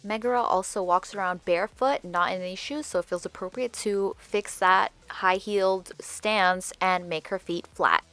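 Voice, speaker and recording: A woman's voice: medium pitch, normal speed, hardly any pauses, fairly bright tone, faint music behind. A woman with braces slightly altering her speech, giving a chatty, candid voice-over for a craft tutorial. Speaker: doll repaint tutorial host. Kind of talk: casual voice-over tutorial narration.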